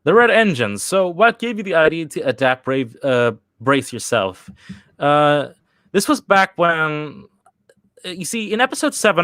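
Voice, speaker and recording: A young man from Sweden hosts a channel livestream, replying to viewers in a casual, rambling, halting way packed with fillers and restarts. The voice is a little high and fairly bright, with clean, dry studio sound.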